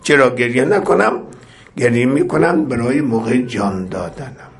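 A male preacher giving a religious sermon. He recites Arabic prayer lines and then explains them, building to impassioned cries on repeated phrases. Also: medium pitch.

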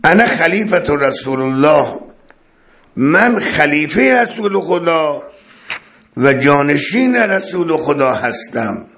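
A man's voice: a little high, sing-song, vocal fry, a bit bright. A man preaching a religious sermon in an emphatic, declamatory way, reciting Arabic phrases and then explaining them, repeating words for stress.

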